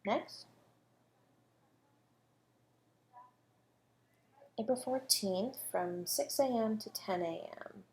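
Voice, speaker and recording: In a flirty, one-sided audio roleplay, a woman plays a confident female academic suspected of murder. She teases coyly with measured composure, cool and condescending, as if always one step ahead of the detective. Her medium-pitched, darkish voice is only lightly acted.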